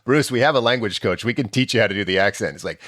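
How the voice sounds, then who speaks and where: A man's voice: lowish voice, very fast, fairly bright tone, no room sound, studio quality. A man co-hosting a podcast, riffing sarcastically in casual comedic banter. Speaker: podcast co-host.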